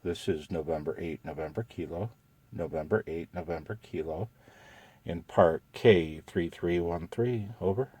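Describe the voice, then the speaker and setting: A man in his parked truck making a ham radio call, repeating call signs in a steady, subdued chant. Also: low-pitched, a little slow, slight background noise. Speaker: amateur radio operator. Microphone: phone camera.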